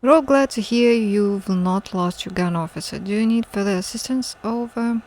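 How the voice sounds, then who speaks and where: A woman's voice: mid-range voice, moderate pace, darkish tone, natural voice. A woman voicing a formal male police radio dispatcher who speaks in clipped radio protocol, reading game dialogue aloud. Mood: businesslike.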